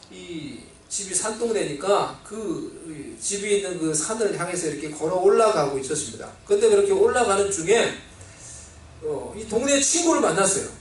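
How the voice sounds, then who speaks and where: High-voiced pastor preaching in an echoey church. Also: male voice. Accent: Seoul Korean. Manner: animated storytelling, acting out quoted voices. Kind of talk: sermon with a personal childhood story. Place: church sanctuary. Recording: roomy, distant church recording with faint ambience.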